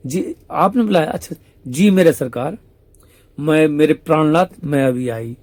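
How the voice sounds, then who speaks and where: A man's voice: on the high side, unhurried, a little mellow, dry recording. A man voicing a mischievous young female devotee who answers coyly and feigns innocence.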